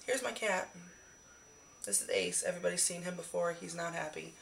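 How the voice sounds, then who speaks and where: A beauty vlogger in her twenties rambles casually through her monthly makeup favorites at a moderate pace, chatty and swearing casually. Still hoarse from the flu, her slightly low voice breaks into gravelly fry. A webcam at arm's length records her in a small decorated bedroom, with a faint hiss in the background.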